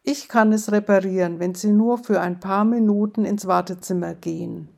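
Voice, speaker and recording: A woman's voice: mid-range voice, fairly even intonation, moderate pace, vocal fry, darkish tone. A woman voicing a concerned, obliging male undertaker. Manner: concerned, accommodating.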